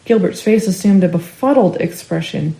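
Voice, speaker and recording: A woman storyteller reading a family ghost story aloud, expressive and rising with the action. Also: lowish voice, normal speed, vocal fry, echoey room, low-quality recording. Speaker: storyteller for a library. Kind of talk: scripted ghost story narration.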